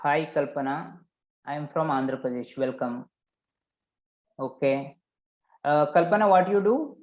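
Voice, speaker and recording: A man's voice: on the high side, unhurried, narrow, tinny audio. A man leading a live online coaching session, probing participants and repeating their answers back to them. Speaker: workshop coach. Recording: roomy echo.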